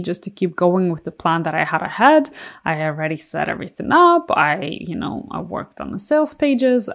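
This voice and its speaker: A young adult woman hosting a solo podcast as a coach, talking in an earnest, confiding way with many casual fillers. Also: medium pitch. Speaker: podcast host, mindset coach.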